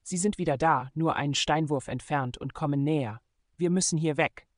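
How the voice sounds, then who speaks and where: A man's voice: a little high, normal speed, dry recording, clean studio sound, close to an everyday voice. A male reader voicing a wary male companion in an audiobook, whispering urgent warnings. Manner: hushed, urgent.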